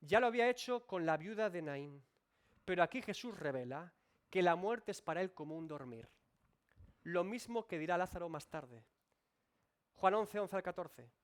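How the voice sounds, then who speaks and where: A male pastor delivers a sermon in a fairly high voice. His pitch swings widely, rising and falling as he presses his points. He speaks directly to the congregation. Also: lively intonation, moderate pace, pauses often. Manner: emphatic preaching with sweeping rises and drops. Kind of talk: expository sermon. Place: church.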